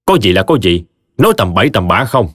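A man doing a scheming smooth-talking son-in-law. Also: low voice, big pitch swings, fairly quick, fairly bright tone, dry recording, full character voice. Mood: coaxing. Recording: dry voice with faint music.

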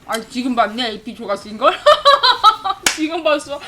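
A woman in her forties streaming a game live, chattering with high energy, laughing often and shouting at her teammates. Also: very animated, a little slow, noisy background. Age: 40s. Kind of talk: excited live gameplay commentary.

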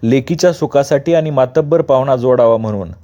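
Male narrator as a timid old father begging for mercy; mellow voice, muffled sound. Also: medium pitch, fairly quick, close to an everyday voice. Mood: pleading. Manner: meek, pleading. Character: frightened old village father, pleading.

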